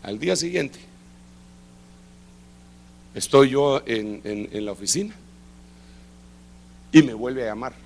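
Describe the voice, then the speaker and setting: A middle-aged man preaching, telling a testimony with lively acted-out dialogue. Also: medium pitch, slow, pauses often. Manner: animated storytelling, acting out quoted dialogue. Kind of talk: sermon testimony. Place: church service.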